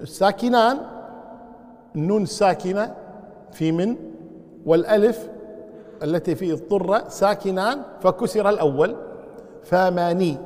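A man explaining scripture in a lesson, repeating key phrases slowly to drive them home. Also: high voice, a little mellow, long reverb tail. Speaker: Islamic scholar. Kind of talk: Quran commentary lesson.

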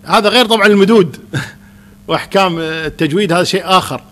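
A man, a Quran teacher calmly answering questions in a religious lesson. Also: high-pitched, quick pace.

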